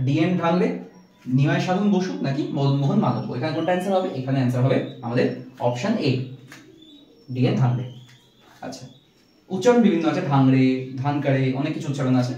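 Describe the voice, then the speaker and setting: A man teaching a rapid exam-revision lesson, reading options and then giving each answer. His voice sits a little high and moves at a brisk clip. It is heard from a distance in a strongly echoing room. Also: warm tone. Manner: reads options, then gives answers with fillers; mixes English words into speech. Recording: very echoey, from far off.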